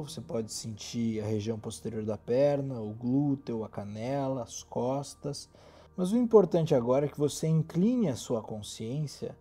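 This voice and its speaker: In a mid-range voice, a Brazilian-accented man guides a yoga relaxation as its instructor. His manner stays calm and soothing, offering gentle instruction.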